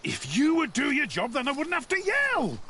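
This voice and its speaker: A man's voice: medium pitch, animated, normal speed, gravelly, slight background noise. An actor playing an angry male foreman who scolds a lazy worker, in video game voice acting. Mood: scolding. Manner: shouting, scolding.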